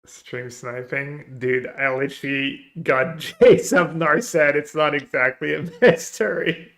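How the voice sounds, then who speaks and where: A man live-streams a card game, talking loosely with viewers, reading chat, and reasoning through his plays out loud. His voice sits fairly high and sounds fairly bright, and he speaks a little slowly.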